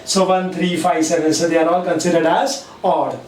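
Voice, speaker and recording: Very slow-dictating Indian man teacher. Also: on the high side, steady tone, a little mellow, slight background noise. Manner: slow, dictating key points word by word; mixes Hindi and English mid-sentence. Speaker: chemistry teacher. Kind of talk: classroom lecture. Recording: echoey room, mic at a distance.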